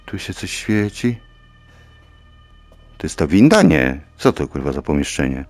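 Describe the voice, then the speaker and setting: A man's voice: very deep voice, sing-song, a little slow, a little mellow, no room sound, faint music behind. A man playing a horror game and talking through it, swearing often, muttering to himself and shrieking in fright. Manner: jumpy, swears a lot, shrieks when scared, mutters to himself. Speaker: gaming YouTuber. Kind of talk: horror game let's play commentary.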